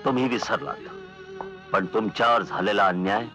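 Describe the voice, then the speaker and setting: A smooth, scheming patron. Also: male voice, fairly low pitch, moderate pace, soft background music, rough recording. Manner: calm, commanding, persuasive. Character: scheming rich man who shelters the heroes.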